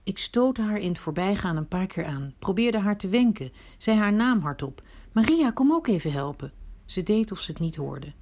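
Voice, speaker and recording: A woman giving a dramatic first-person storytelling monologue. Her delivery is expressive, swinging between hushed, near-whispered asides and indignant outbursts. Her pitch sits in the middle but moves in a very lively way. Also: normal speed, few pauses.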